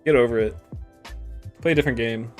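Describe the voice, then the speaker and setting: Soft music plays behind a man in his twenties whose mid-range voice is brisk with a darkish tone. Streaming a game, he chats loosely, rambling with crude jokes and frequently trailing into mutters.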